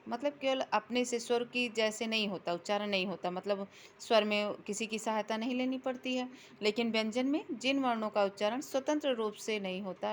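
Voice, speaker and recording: A woman's voice: medium pitch, slight background noise. A woman teacher explaining a lesson to students, drawing out the example words and answering her own questions. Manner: slow and drawn out when reading letter examples, asks questions and answers them herself. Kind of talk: classroom explanation.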